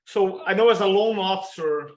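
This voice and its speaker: A man in his fifties with a fairly high voice and a Brazilian Portuguese accent delivers a storytelling training talk on a webinar at normal speed. A motivational coach, he's energetic and rattles off lists of examples, his sound coming through a video call.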